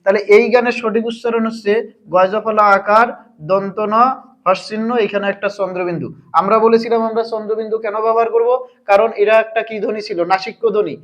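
A man's voice: high-pitched, fairly even intonation, quick pace. A man teaching a language lesson, asking his viewers questions and answering them himself. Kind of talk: explanatory grammar lesson.

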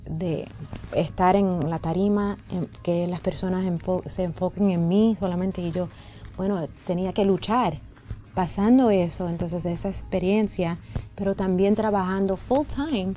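Mellow, low-voiced woman with American-accented Spanish. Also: faint music behind. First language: English. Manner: halting, searching for words, slipping into English. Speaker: interview guest, singer. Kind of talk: conversational interview answers. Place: indoor radio and TV studio set.

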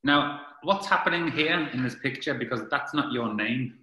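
Man interviewer, casual and chatty, bright tone, roomy sound. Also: medium pitch. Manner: chatty, quick bursts, laughs often.

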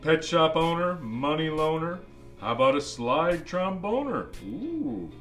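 Man playing jolly, animated old Santa Claus reading aloud. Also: a little high, unhurried, faint music behind. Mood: playful, animated. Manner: playful, musing, addresses the listeners as kids. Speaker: storybook reader. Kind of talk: animated children's storybook read-aloud with playful asides.

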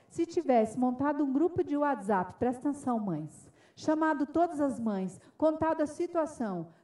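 A woman with a Brazilian Portuguese accent addresses a forum in an emphatic, impassioned talk, acting out the exchanges she tells about. Her voice sits high, and she sounds set back from the microphone. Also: darkish tone, recorded from a distance. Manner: emphatic, acts out dialogues in her speech. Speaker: forum speaker. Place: event forum.

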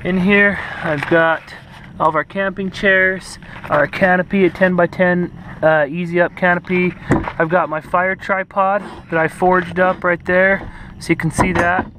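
A man's voice: sits high, little pitch movement, unhurried, noisy background. Man rambling outdoors on a camera mic. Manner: rambling, many fillers, hands-on. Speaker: vlogger showing his trailer. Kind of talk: casual walkthrough. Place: outdoors in open desert. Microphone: head-mounted action camera.

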